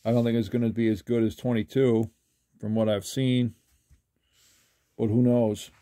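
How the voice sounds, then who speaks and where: An older man talking casually while sorting trading cards, rambling with halting restarts. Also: medium pitch, flat delivery, mellow, dry recording, clean studio sound. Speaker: trading card collector. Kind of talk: casual card-flipping commentary. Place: indoors at a table.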